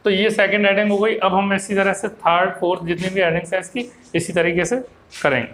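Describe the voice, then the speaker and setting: A male teacher with a fairly high voice runs an online English class, explaining every sentence in Hindi and reading the English lines slowly. He keeps checking that students follow him. The sound bounces around a hard room with a faint hum behind it. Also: little pitch movement, a bit bright, reverberant, poor audio. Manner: coaxing, repeats "theek hai na".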